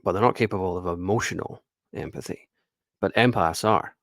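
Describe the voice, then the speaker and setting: Gravelly low-voiced man, blunt reaction talk. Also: a little fast, a bit bright, no room sound, studio quality. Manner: blunt, swears, laughs, confident claims. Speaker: commentator reacting to a reality show. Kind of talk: casual reaction commentary.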